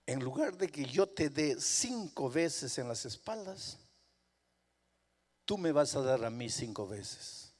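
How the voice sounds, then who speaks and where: A man's voice: mid-range voice, big pitch swings, slow pace, darkish tone. A preacher voicing a stern, firm mother. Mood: insistent. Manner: firm, insistent. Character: stern but loving mother of a young boy. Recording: long hall reverb.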